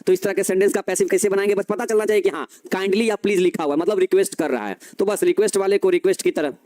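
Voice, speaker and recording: A male teacher giving a grammar lesson, explaining slowly, repeating key phrases and answering his own questions. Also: sits high, warm tone.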